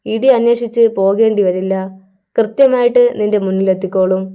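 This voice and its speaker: A woman voicing a blunt, mocking young male gangster in a storybook crime tale, with a teasing, gruff manner. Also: mid-range voice, fairly even intonation, brisk, mellow, highs cut off, lightly acted.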